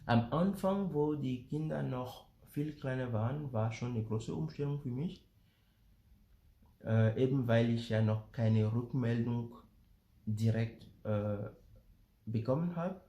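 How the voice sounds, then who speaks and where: Speaking slowly and hesitantly, a father from Benin explains his family experience to the camera in a casual way, his gravelly, mellow, mid-range voice broken by fillers, repeated words, and restarts. The audio is dull and carries a noticeable room echo.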